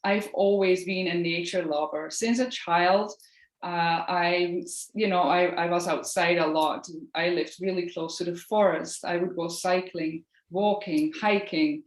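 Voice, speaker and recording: A woman from the Netherlands with a Dutch accent, in her thirties, talking earnestly and gently as a podcast guest. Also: fairly low pitch, fairly even intonation, a little slow, echoey room. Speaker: podcast guest, Reiki practitioner. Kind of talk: casual interview chat.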